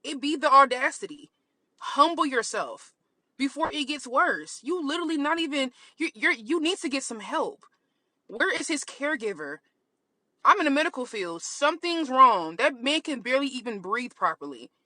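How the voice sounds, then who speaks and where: A woman rants straight at the camera, scolding and blunt, with plenty of swearing. Her voice sits a touch high and bright. The recording is close and dry, with no room sound. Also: expressive, normal speed, no echo. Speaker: commentator reacting online. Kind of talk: casual rant video.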